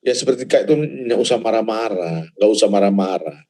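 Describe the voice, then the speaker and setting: A man, a pastor, telling a personal testimony in casual chat, animated and laughing as he goes, repeating words for emphasis. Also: fairly low pitch, fairly quick. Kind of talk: casual testimony in a church talk.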